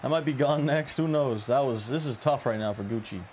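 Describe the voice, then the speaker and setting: A man's voice: mid-range voice, brisk, a little mellow, a little hiss or hum. A man doing live esports color commentary, analytically breaking down plays and coverage adjustments.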